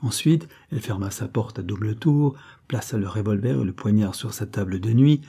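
A man narrating a classic adventure novel as an audiobook in a measured, dramatic way. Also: lowish voice, creaky, dark tone, husky.

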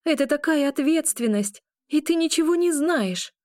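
A woman doing a young witch, high strained voice, fearful and fiery, dry close sound. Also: moderate pace, warm tone, no room sound, lightly acted. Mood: angry, panicked. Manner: raised, emotional, pleading delivery. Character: young woman witch, frightened and hot-tempered.

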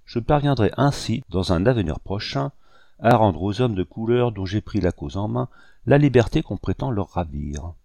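A man's voice: on the low side, lively intonation, moderate pace, vocal fry, warm tone, dry recording. A man reading an audiobook voices a proud rebel commander who speaks with haughty, restrained menace. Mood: stern.

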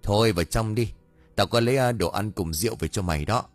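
A man's voice: on the low side, fast, no room sound, faint music behind, close to an everyday voice. A man voicing a grumpy, cunning old male exorcist who scolds and mutters curses in a ghost story. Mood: gruff grumbling.

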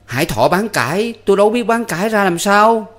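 A man's voice: high voice, animated, fairly quick, a bit bright, voice pushed up. A man voicing a timid, shy young village man who protests in a pleading, tearful way.

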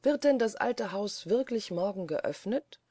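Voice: mid-range voice, lively intonation, a little slow, mellow, dry recording. A reader voicing a troubled young woman in an audiobook, earnest and reproachful. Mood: wondering. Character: uneasy young woman, the doctor's sister. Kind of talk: audiobook character voice.

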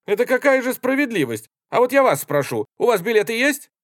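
A shrill, outraged man on a train, protesting he paid for his seat and swinging his voice high and low, a male narrator doing the voice. The sound is close and dry, with no room around it. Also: big pitch swings, brisk, a bit bright, dry recording, full character voice. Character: indignant bespectacled male train passenger.

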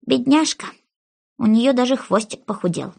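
A woman's voice: on the high side, animated, moderate pace, gravelly, a little mellow, breathy edge, voice pushed up, full character voice. A woman voicing a polite, dreamy little girl who talks earnestly.

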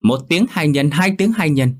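Một người đàn ông giả giọng cô vợ trẻ kiêu căng, nói chua ngoa, khinh khỉnh. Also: male voice, lowish voice, animated, fairly quick. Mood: scornful. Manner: sharp, scornful. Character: haughty young woman, arrogant singer-wife.

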